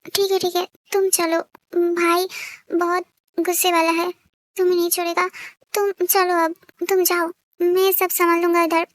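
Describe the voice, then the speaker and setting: Brief: woman as a bossy young woman, very high, dry close audio. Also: flat delivery, normal speed, pauses often, no room sound. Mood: urgent.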